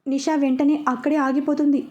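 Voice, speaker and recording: Woman storyteller, high voice, mellow dark tone, steady scripted narration. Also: fairly quick, muffled recording.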